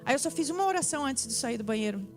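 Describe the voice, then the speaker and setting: A young woman tells her testimony from the church stage, her voice pitched a little high. She tells it in an animated way, acting out each exchange. Soft music plays faintly behind her. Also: rapid-fire. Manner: animated storytelling, acts out dialogue. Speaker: preacher. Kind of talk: sermon testimony.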